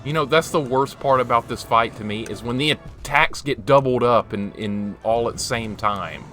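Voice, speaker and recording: A medium-pitched, sharp-toned voice belongs to a forties-aged man streaming a game and chatting casually with viewers as he reacts to the action. He speaks at a moderate pace over soft background music.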